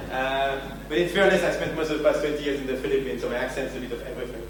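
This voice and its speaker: A Frenchman with a French accent delivers a conference keynote in a mid-range, steady voice, talking fast. He jokes and pokes fun at himself as he addresses the audience in a large venue, picked up by a distant mic in a very echoey hall with a faint hum.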